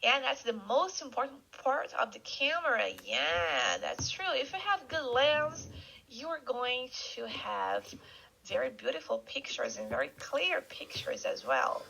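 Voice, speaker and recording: A woman teaching an English vocabulary lesson, speaking slowly and repeating words for learners to echo. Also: high voice, very animated, creaky, bright, forceful tone, breathy edge. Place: Canada. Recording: dull lo-fi recording.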